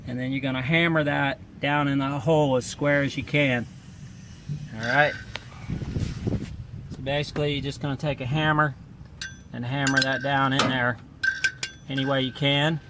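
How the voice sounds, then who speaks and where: A man's voice: medium pitch, flat delivery, moderate pace, long pauses. A man explaining a repair step by step in casual, plainspoken talk, recorded on a handheld camera. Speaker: vlogger and truck driver. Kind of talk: casual how-to narration. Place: inside a semi truck cab while driving. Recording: noisy truck cab, road noise. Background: truck engine and road noise.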